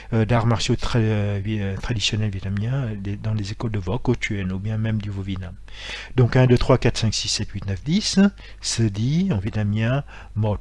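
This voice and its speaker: A man's voice: on the low side, darkish tone, no room sound. A man giving a patient, step-by-step language lesson and saying example sounds aloud to show each tone. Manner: patient, explains step by step, demonstrates tones aloud. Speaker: language teacher for martial arts students. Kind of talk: explanatory lesson with spoken examples.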